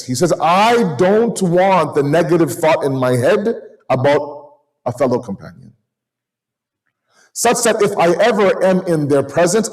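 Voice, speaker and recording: Higher-voiced man giving a sermon. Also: low-quality recording. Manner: conversational, storytelling, code-switches into Urdu and Arabic terms.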